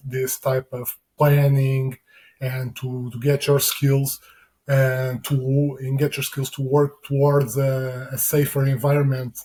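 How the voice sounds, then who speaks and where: A man's voice: medium pitch, mellow, rough recording. A man from Portugal with a Portuguese accent, not a native English speaker, answering interview questions in a hesitant way with many fillers. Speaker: guest, security consultant.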